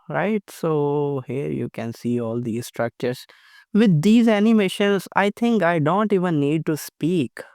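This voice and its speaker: Higher-pitched male lecturer with a sore throat. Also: a little mellow, clear, resonant tone, no room sound, clean studio sound. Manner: didactic, repeats points and checks understanding. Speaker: anatomy lecturer. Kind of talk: explanatory narrated lecture. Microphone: voice-over for animated lecture.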